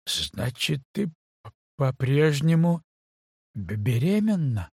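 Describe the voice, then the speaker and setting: A man voicing a broken young man who stammers and speaks slowly in an audiobook. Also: very animated, vocal fry, a little mellow, breathy edge, dry recording, studio quality, exaggerated voice. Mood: stammering. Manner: stammering, slow and low.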